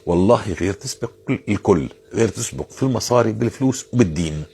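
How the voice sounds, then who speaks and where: A man's voice: lowish voice, expressive, fast talker, dark tone, husky. A man giving informal religious advice, earnest and insistent, repeating phrases to drive his point home.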